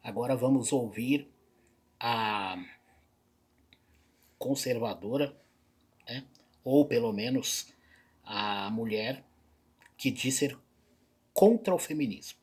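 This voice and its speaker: A man hosting a reaction video, talking in loose, rambling commentary with frequent fillers and pauses. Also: mid-range voice, darkish tone, breathy edge. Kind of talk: casual spoken commentary.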